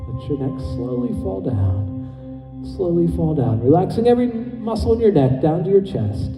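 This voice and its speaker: Slow hypnotist man in an echoey hall. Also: fairly high pitch, very animated. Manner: slow, soothing, guiding hypnotist delivery. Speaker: stage hypnotist. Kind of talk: live hypnotic induction for stage volunteers. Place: stage in a hall with an audience. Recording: echoey hall, far from mic, music behind. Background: soft background music.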